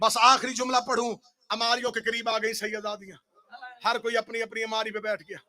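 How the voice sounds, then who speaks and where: A man's voice: high-pitched, little pitch movement, bright, forceful tone. A male religious scholar giving an impassioned, dramatic sermon recitation to a mourning assembly.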